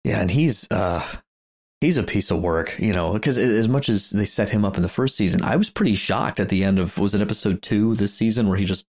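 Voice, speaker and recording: Low-pitched, chatty podcast co-host who laughs through his points. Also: brisk, a little mellow. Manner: rambling, chuckling, many restarts. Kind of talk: casual chat.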